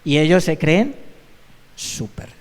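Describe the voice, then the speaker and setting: A man's voice: high-pitched, normal speed, long reverb tail. A male pastor giving an emphatic sermon, repeating his exhortations. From Colombia. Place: church.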